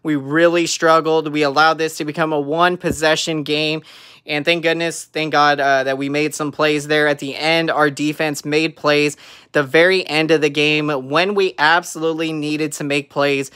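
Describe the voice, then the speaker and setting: A man's voice: a little high, little pitch movement, moderate pace, pushed and bright, clear, resonant tone, no room sound, clean studio sound. A man in his thirties, a sports fan vlogging an emphatic, earnest post-game recap to a phone at arm's length in a room at home.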